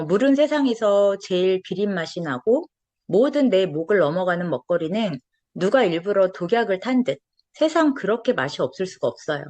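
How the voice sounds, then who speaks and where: A woman's voice: mid-range voice, a little mellow, no echo. A woman in her forties giving an earnest testimonial talk as a lecturer, recorded close and dry. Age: 40s. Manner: earnest, storytelling.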